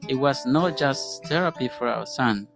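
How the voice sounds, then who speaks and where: A man's voice: medium pitch, normal speed, creaky. Earnest man from El Salvador, over guitar. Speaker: father telling his story in a video. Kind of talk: scripted personal narration. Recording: video played with guitar music behind. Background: guitar music.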